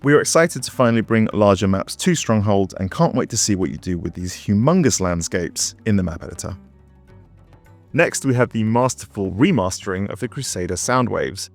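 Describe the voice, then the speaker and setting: A man's voice: lowish voice, creaky. A man presenting as a game developer in scripted promotional narration, with wry, playful asides. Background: background music.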